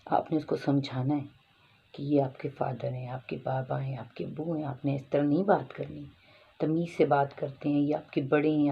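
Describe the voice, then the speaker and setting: A woman's voice: sits low, gravelly, breathy edge, lo-fi sound. A woman giving parenting advice in Urdu mixed with English words, explaining patiently and often checking if listeners follow. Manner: explains patiently, often asking "theek hai?". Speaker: parenting advisor.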